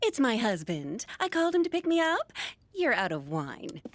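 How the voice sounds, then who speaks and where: An actress playing a perky, sweetly tactless wife in an adult cartoon. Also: female voice, a little high, wildly swooping pitch, moderate pace, background noise. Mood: affectionate.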